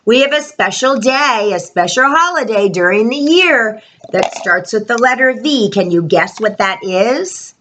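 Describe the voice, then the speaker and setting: Slow singsong woman teaching young children. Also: a little high, animated, a bit bright, a little hiss or hum. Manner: broad singsong children's-presenter delivery with prompting questions; addresses young children, stretching key words. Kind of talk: children's alphabet lesson.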